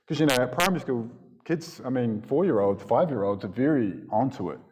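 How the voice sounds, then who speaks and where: Chuckling frequently, a new man gives his personal testimony to a church audience in a relaxed storytelling way. His mid-range, slightly mellow voice moves with lively intonation and a somewhat fast pace, echoing with long church hall reverb.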